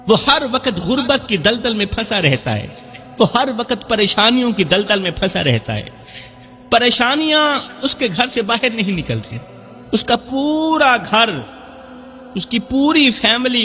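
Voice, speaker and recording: A man's voice: sits high, sharp tone, long reverb tail. A male Islamic preacher, giving an emotional sermon full of repeated lines that build to cries. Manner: impassioned, repetitive, rising to cries.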